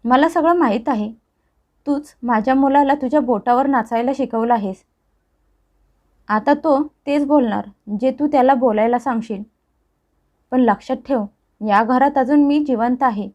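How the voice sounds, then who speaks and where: A woman's voice: high-pitched, moderate pace, long pauses, dull audio, lightly acted. Angry old mother-in-law, as a woman puts her on. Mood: furious scolding. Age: older. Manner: harsh, accusing, shouting.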